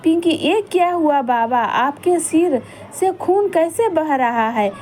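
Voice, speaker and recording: A woman voicing a sad little village girl who pleads and complains softly. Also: high-pitched, lively intonation, slow pace, a little hiss or hum. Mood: plaintive. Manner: pleading, plaintive.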